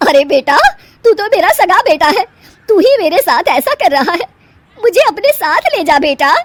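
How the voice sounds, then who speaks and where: A woman voicing a bossy middle-aged stepmother who scolds loudly and favours her own son, in a storybook tale. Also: high-pitched, very animated, moderate pace, a little hiss or hum. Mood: pleading. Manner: scolding, loud and commanding. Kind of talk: storybook voice acting.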